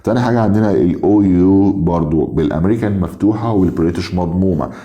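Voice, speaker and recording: A young Egyptian man with an Egyptian Arabic accent teaching English pronunciation, slowly repeating each word several times to contrast sounds. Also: low-pitched, warm tone. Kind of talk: recorded phonics lesson.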